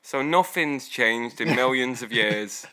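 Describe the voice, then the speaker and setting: A man's voice: mid-range voice, slow pace, bright, forceful tone. A man co-hosting a podcast in casual chat, joking, laughing often and swearing. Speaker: podcast co-host.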